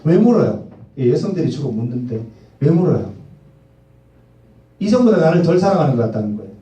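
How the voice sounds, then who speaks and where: A man's voice: on the high side, big pitch swings, a little fast, mellow, recorded from a distance. A man in his forties preaching a sermon to a youth service in a conversational way, asking the congregation questions and acting out quoted lines. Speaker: pastor. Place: church hall. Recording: echoey hall, mic from afar.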